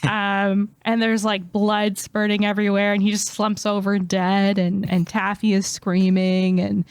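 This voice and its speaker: A woman's voice: medium pitch, flat delivery, a little slow, clean tone, no echo. A woman co-hosting a podcast in casual chat, blunt and enthusiastic, swearing freely. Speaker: podcast co-host.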